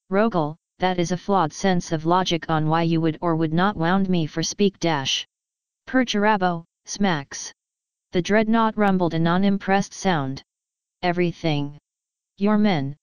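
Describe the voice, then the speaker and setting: A woman's voice: lowish voice, clear, resonant tone, no echo, highs cut off. A woman reading a fan story aloud, speaking the character tags and stage directions plainly. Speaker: fan fiction reader. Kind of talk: reading a story aloud, voicing all parts lightly.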